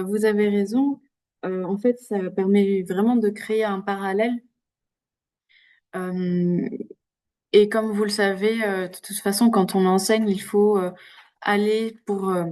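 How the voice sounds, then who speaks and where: A woman's voice: mid-range voice, a little mellow. A woman presenting and moderating an online teacher workshop over a video call, speaking hesitantly with many filler sounds. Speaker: webinar presenter.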